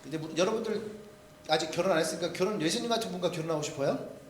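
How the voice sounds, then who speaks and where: A man's voice: sits high, racing, echoey room, background noise. A male pastor giving a humorous storytelling sermon, acting out quoted voices. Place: church sanctuary.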